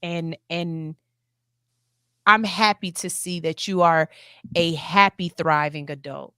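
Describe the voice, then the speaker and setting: Forty-something woman host, slow, earnest and emphatic, dry close sound. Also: lowish voice, fairly even intonation, sharp tone, clear, resonant tone, no room sound. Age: 40s. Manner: earnest, emphatic, repeats phrases. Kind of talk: heartfelt talk-show monologue.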